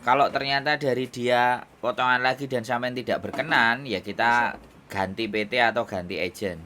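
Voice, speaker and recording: With slight background noise on the line, a male advisor to migrant workers speaks in a Javanese accent, his mid-range voice pushed and bright with fairly even intonation. At a moderate pace he gives firm advice by phone, lecturing and checking for understanding.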